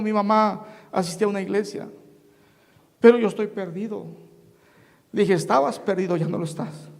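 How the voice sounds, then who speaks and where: A woman's voice: mid-range voice, a little mellow. A woman preaching a testimony sermon to her congregation, telling stories and addressing them as brothers over and over. She builds toward fervent exhortation, and her voice rings out with a long church-hall reverb. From Mexico. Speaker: guest preacher. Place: church sanctuary.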